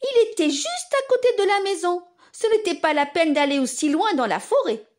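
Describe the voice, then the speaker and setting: A woman's voice: extremely high pitch, lively intonation, normal speed, voice pushed up. A woman voicing a glum, stubborn little boy in a children's story, simply and plaintively, as if reading to a toddler. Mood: proud, delighted.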